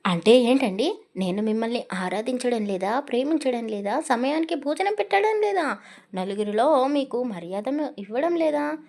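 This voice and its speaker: A woman's voice: high-pitched, normal speed, a little mellow, pitched above the performer's own voice. A woman voicing a middle-aged village mother-in-law who scolds shrilly and pleads on the edge of tears. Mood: tearful.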